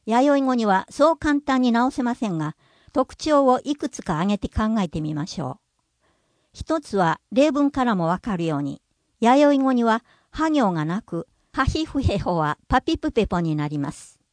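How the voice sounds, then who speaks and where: A woman reading a scripted informational narration in a measured way, slowing down over example words. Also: fairly high pitch, very animated, a little mellow, dry recording.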